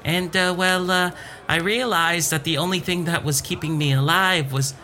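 A man's voice: a little high, moderate pace. Man doing a tiny, fawning garbage imp. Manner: eager, people-pleasing, flattering, giggly.

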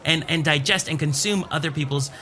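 A man's voice: a little high, brisk. Man doing a tiny, fawning garbage imp. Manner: eager, people-pleasing, flattering, giggly.

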